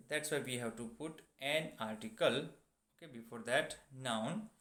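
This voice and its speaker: A man with an Indian English accent teaching a primary school grammar lesson. He switches between English and Hindi, reads example sentences slowly and then explains them quickly. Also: mid-range voice, sharp tone.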